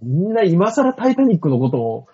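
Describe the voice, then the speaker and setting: A man hosting a podcast over a remote call mic, trading wry, quick comebacks in a husky voice. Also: high-pitched, big pitch swings, mellow. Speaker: podcast host. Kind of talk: casual banter. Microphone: remote call mic with weak signal. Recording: muffled, faint online call audio.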